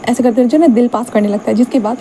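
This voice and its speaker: Woman, casual fan-fiction narration, rapid pace, somewhat high voice, mixes in english words. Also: warm tone, slight background noise, low-quality recording. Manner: chatty, mixes English words, acts out dialogue lightly.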